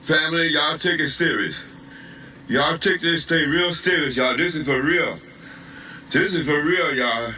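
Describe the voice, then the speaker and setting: A shaken man pleads urgently into his phone outdoors, repeating himself over and over. His voice is very bright and edgy, heard slightly off the mic with faint street ambience. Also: on the high side, measured pace, far from the mic, a little hiss or hum, low-quality recording. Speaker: bystander filming a street scene. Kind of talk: urgent live phone report. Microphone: phone held in hand.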